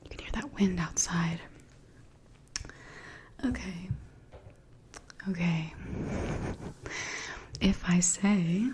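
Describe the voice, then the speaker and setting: Slow whispering woman doing ASMR. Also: on the low side, fairly even intonation, a little mellow, a little hiss or hum. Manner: whispered, repetitive trigger phrases. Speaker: ASMR creator. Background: tapping and lid sounds.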